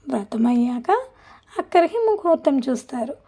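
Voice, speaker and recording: A woman's voice: high-pitched, animated, normal speed, dark tone, slightly rough, full character voice. A woman voicing a shy, innocent young bride who speaks bashfully in an audio story.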